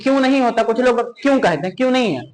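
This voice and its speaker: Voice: medium pitch, animated, quick pace, darkish tone, poor audio. A teacher giving an informal spoken pronunciation lesson. The teacher addresses listeners fondly as children, repeats each sound several times to demonstrate it, and adds teasing, scolding asides.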